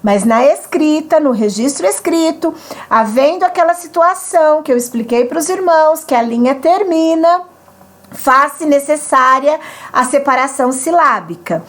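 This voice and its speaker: A woman's voice: high-pitched, lively intonation, moderate pace. A woman teaching an online grammar lesson, patient and explanatory, often checking in with her listeners.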